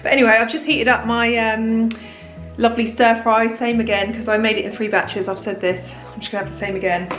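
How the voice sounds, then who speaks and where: A woman's voice: a little high, little pitch movement, fairly quick, fairly bright tone, reverberant, soft background music, low-quality recording. A British woman in her thirties chatting candidly in a casual food vlog from her home kitchen, laughing easily as she talks. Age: 30s. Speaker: diet plan consultant and vlogger.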